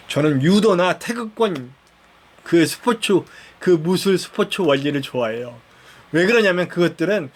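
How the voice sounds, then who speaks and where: A man with a fairly high voice preaches a sermon in a church. He tells it like a story, slipping into the voices of the people in it. Now and then he puts a question straight to his listeners. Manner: conversational storytelling, acts out dialogue, asks the listeners questions.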